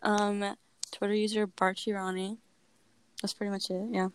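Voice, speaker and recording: Quiet young woman trailing off. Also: medium pitch, level tone, moderate pace, clear, resonant tone, dry recording. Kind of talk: casual group podcast chat.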